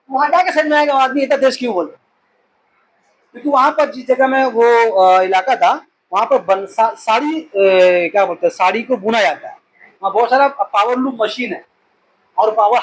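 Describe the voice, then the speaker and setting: Male speaker with a strikingly high voice, chatty lecturer style, recorded in a reverberant room with faint background hum. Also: fairly bright tone. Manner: rambling, conversational, asks and answers own questions. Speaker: speaker explaining a health topic. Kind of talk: informal explanatory talk. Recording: echoey room with faint ambient noise.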